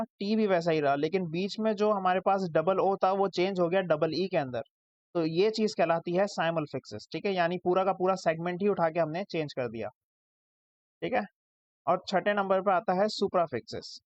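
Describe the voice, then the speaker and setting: A young man with a high voice and a Pakistani Urdu accent teaches English over slides. He explains patiently and step by step, checking in after each point. The sound is dry and a little dull and lo-fi. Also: no echo. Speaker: English tutor. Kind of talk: recorded lecture over slides.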